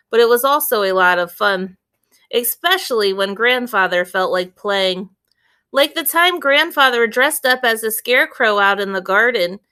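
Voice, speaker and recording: Reading a kids' book aloud, this woman's voice sits on the high side. She tells the story expressively, shaping each phrase deliberately and clearly.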